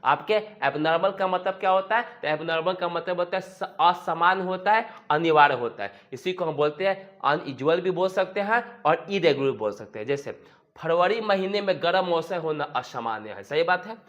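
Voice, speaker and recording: Male teacher, fairly high voice, drills words by repeating them, muffled lo-fi audio. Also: expressive, moderate pace, fairly bright tone. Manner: repeats words, asks and answers his own questions. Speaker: English teacher. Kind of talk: vocabulary lesson. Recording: dull lo-fi sound.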